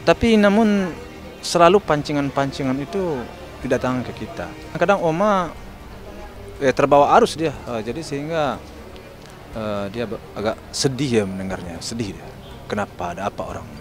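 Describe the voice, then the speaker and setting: A middle-aged man speaking earnestly and carefully to reporters, pausing often with fillers. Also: medium pitch, lively intonation, soft background music. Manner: measured, earnest, many fillers. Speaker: interviewee, family member.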